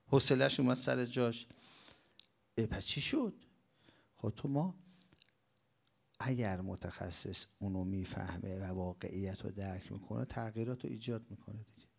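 A man preaching a religious lecture, asking rhetorical questions and answering them himself, swinging between loud bursts and quiet stretches. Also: mid-range voice, gravelly.

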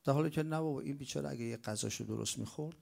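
Man, gravelly voice, religious lecture, rhetorical questions, loud bursts then hushed passages. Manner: emphatic, asks rhetorical questions and answers them; swings between loud bursts and low, quiet stretches.

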